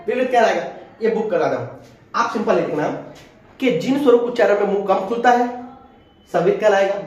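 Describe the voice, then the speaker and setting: A man teaching a class, repeating each point slowly so students can write it down. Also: very high-pitched, a little mellow. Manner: repeats and dictates slowly for note-taking. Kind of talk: classroom lecture dictating notes. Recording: very echoey room.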